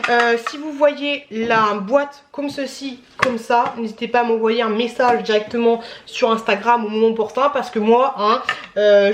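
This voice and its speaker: A young woman vlogging at home, talking in a loose, rambling way and acting out bits of her phone calls. Her voice sits fairly high, with a faint hiss of background noise under it. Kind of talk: casual chat.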